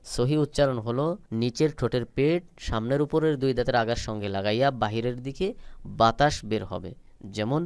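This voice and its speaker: A man's voice: mid-range voice, a little fast, darkish tone, clear, resonant tone, no echo. A man teaching Quran letter pronunciation, patiently repeating and stretching out each sound. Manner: patient, instructive. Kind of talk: slow step-by-step pronunciation lesson.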